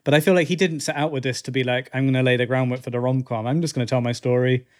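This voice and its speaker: A man co-hosting a podcast, talking about a film in a relaxed, joking way with some hesitations. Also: mid-range voice, very fast. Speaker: podcast co-host. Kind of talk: casual film discussion.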